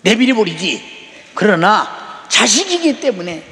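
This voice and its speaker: A man's voice: high-pitched, sing-song, unhurried, pushed and bright. A man preaching a sermon as pastor, with emphatic rhetorical questions and frequent prompts to the congregation. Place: large church sanctuary. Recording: echoey church hall with long reverb.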